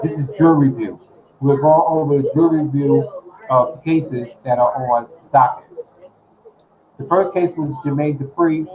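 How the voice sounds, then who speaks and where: A man's voice: medium pitch, rough recording. Rambling male livestream host. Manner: rambling, filler-heavy. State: talking while eating. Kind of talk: casual livestream recap.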